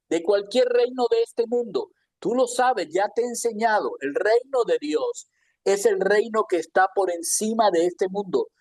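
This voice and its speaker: A man's voice: high voice, darkish tone, dry recording. A man teaching a Bible lesson in a conversational sermon style, often asking his listeners questions. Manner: conversational, asks the audience questions.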